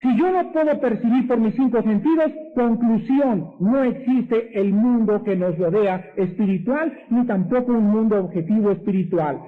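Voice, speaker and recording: A man's voice: high-pitched, normal speed, few pauses. A man preaching a radio sermon, emphatic and full of rhetorical questions. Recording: tinny radio broadcast.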